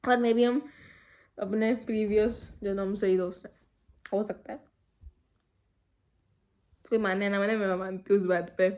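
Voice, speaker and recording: A woman's voice: mid-range voice, slow, long pauses, darkish tone. A teenage girl telling a rambling, giggly story about school friends in a casual vlog. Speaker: vlogger.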